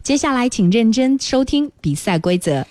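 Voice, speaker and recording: A woman hosting a children's radio quiz, explaining things clearly and encouragingly. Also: a little high, very animated, moderate pace, a little mellow. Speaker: quiz show host. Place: radio studio.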